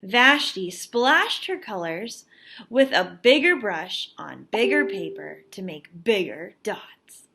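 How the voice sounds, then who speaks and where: Expressive young woman reading to children, slow-paced. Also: medium pitch, creaky. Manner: expressive, emphatic. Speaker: teacher reading aloud. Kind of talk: picture-book read-aloud for children with teaching asides.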